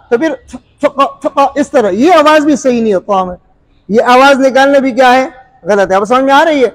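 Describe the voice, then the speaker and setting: A man teaching Quran recitation in a classroom lesson, quizzing his listeners and sounding out letters slowly and repeatedly. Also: extremely high pitch.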